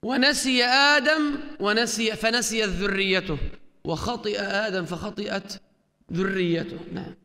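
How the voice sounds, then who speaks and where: Very high-pitched fast preaching man. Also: pushed and bright, big-room sound. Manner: storytelling with quoted dialogue. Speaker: sheikh giving a dawn lecture. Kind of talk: Arabic religious lecture.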